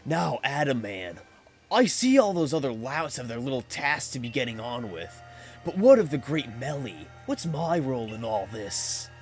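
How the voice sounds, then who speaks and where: A man's voice: mid-range voice, big pitch swings, normal speed, soft background music. A man voicing an arrogant young male clan warden, in a drawling hippie-like voice full of haughty condescension. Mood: smug.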